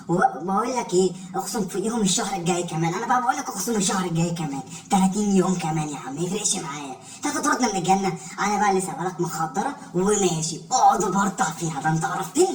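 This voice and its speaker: A man with an Egyptian accent playing a fed-up office employee in a comic sketch, grumbling and complaining in rapid bursts. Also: sits high, animated. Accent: Egyptian Arabic. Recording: echoey room, distant mic, background noise.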